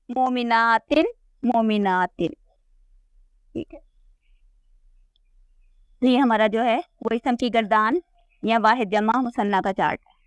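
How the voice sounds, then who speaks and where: Woman teacher, kinda high voice, dry close mic, patient and repeats a lot. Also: dry recording. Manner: patient, repeats forms and checks in with "theek hai". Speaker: Arabic grammar teacher. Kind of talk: classroom lesson explaining a chart.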